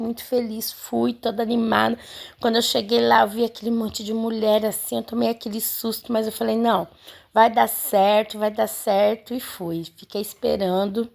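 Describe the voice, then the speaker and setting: A slightly high female voice with vocal fry belongs to a home seamstress sharing a personal story with her viewers. She's chatty, keeps speaking directly to her audience, and fills her talk with fillers and little asides.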